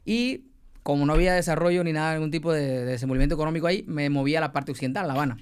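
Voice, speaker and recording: Cuban guy in his twenties, a bit high voice, smooth, lots of pauses and fillers. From Cuba. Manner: hesitant, many fillers and pauses. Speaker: guest, former biology teacher. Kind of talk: telling his life story.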